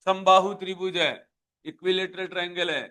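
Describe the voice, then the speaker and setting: A man's voice: high-pitched, little pitch movement, moderate pace, sharp tone. A male physics teacher with a Hindi accent giving a live classroom lecture, questioning students and pushing them to answer aloud.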